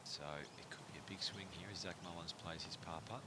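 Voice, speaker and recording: A man's voice: sits low, fairly even intonation, a little fast, heavy background noise. A man giving live, conversational golf commentary and analysis.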